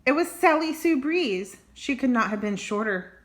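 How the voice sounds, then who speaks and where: An older woman with a high, expressive voice reads a children's story aloud like a grandmother, at a moderate pace, adding chatty asides and exclamations. The home recording is roomy and echoing.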